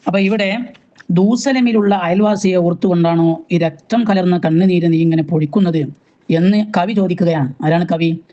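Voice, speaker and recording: A man teaches a class on a devotional poem. His voice sits high but sounds soft and mellow. He chants each verse slowly and then unpacks it with a chain of questions he answers himself, and the recording is a little dull. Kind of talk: religious class explaining verses.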